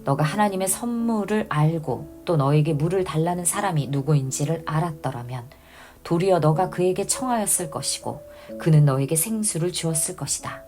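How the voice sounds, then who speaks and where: A woman reading the words of Jesus as a calm male teacher, measured and plain. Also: low-pitched, soft background music.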